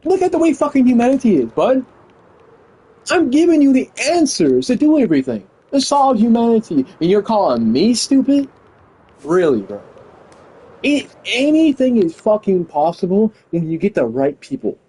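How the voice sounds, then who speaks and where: A man's voice: very high voice, sing-song, moderate pace, warm tone, slightly rough. A young man streaming live, arguing with a chatbot in a casual, incredulous way, swearing a lot.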